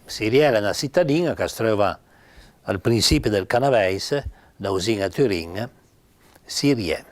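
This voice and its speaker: An older man with a Piedmontese accent giving an informal spoken lesson on spelling, halting with many pauses and fillers. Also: fairly low pitch, lively intonation. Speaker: writer teaching Piedmontese spelling.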